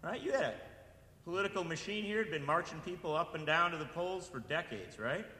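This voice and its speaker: Man, from Wisconsin, political speech, impassioned, very bright sharp tone, roomy echoey hall. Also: on the high side, animated, a little fast. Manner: impassioned, rising to shouted repeated appeals. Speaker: speaker at a political event. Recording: echoey hall with long reverb.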